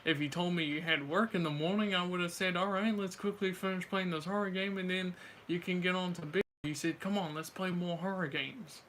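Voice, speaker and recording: A man's voice: high voice, steady tone, fairly quick, fairly bright tone, a little hiss or hum, low-quality recording. A man chatting casually with a friend about everyday things, in slangy, informal speech. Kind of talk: casual chat.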